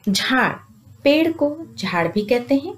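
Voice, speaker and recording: A woman's voice: high voice, big pitch swings, unhurried. A woman giving a grammar lesson, explaining each example word carefully and addressing viewers as friends. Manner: lists example words one by one. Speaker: teacher.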